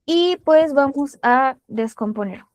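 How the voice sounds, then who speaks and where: High-voiced woman tutoring physics. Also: expressive, slow, a little mellow, no echo. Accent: Colombian Spanish. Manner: patient step-by-step explaining with casual fillers. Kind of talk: explaining a physics problem while drawing.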